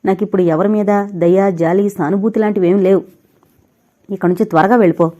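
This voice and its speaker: A woman's voice: medium pitch, steady tone, fairly quick, dark tone, highs cut off, close to an everyday voice. A woman voicing an anguished, heartbroken man who drinks, in an audio novel, speaking in a pained, brusque way. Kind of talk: audiobook character reading.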